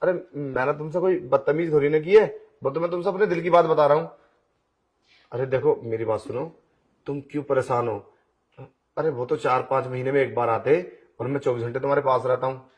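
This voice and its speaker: Man voicing a pushy blind young man, wheedling, coaxing, insistent, mid-pitched voice, audio drama. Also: a little fast, close to an everyday voice. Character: pushy blind young man pestering his brother's wife. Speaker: voice actor. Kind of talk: Hindi audio drama acting.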